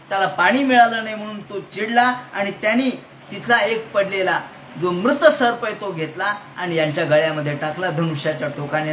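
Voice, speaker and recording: High-voiced man telling a scripture story. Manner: animated storytelling, acting out dialogue. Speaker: religious storyteller. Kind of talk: devotional scripture discourse. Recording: echoey room with faint noise.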